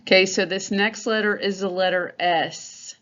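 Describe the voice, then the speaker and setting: A woman's voice: mid-range voice, steady tone, a bit bright. A woman teaching a phonics lesson, patiently repeating each letter sound and explaining how the mouth forms it. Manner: slow, patient, repeats sounds many times. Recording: dull lo-fi recording.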